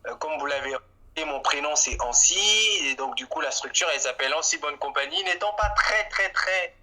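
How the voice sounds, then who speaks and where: A man's voice: fairly high pitch, a little fast, bright, forceful tone. A man in his twenties from Gabon with a Gabonese French accent, a polite, self-deprecating guest who hesitates with many fillers, heard over a phone line. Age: 20s. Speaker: interview guest, arts entrepreneur. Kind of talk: phone interview.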